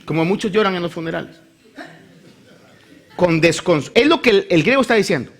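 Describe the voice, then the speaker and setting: Quick-paced and high-voiced, this male preacher delivers an animated sermon, reading scripture and taking on the voices of the story's characters.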